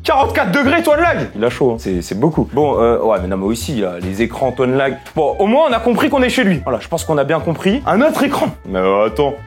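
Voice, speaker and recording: A young man giving excited, slangy commentary to his viewers while searching for someone. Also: mid-range voice, fairly quick, hardly any pauses, soft background music. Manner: hyped, slangy, keeps addressing "les gars". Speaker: seeker in a hide-and-seek video.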